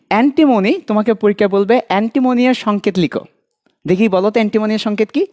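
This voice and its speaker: A chemistry tutor with a Bangladeshi accent teaches an online admission-prep class. The tutor says each key point twice and puts quick questions straight to the students. Light joking asides break up the drilling. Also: medium pitch, a little mellow. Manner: repeats key points, quizzes students directly.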